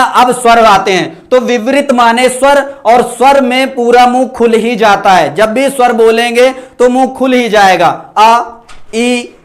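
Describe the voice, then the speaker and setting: A man with a very high voice takes an online class through Sanskrit sounds, saying each letter aloud. He asks a question, pauses, and answers it himself, and stops to thank viewers for their comments. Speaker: Sanskrit teacher. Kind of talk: online exam-prep lesson.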